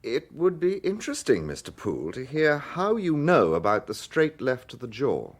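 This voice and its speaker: British police inspector in radio drama: courteous, measured interrogator, medium register, animated intonation. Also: male voice, medium pitch. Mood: probing, courteous. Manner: measured, polite, questioning.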